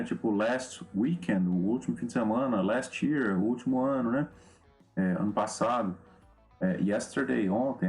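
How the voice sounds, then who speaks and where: Low-voiced Brazilian teacher, soft guitar behind. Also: male voice. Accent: Brazilian Portuguese. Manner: loose, repeats words, often adds "né?". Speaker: English teacher. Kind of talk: recorded lesson explaining grammar.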